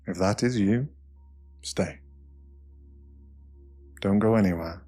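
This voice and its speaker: A British man with a deep, low voice narrates a scripted ASMR guided meditation. He speaks slowly and softly, in short, soothing phrases with pauses between them, while music plays in the background.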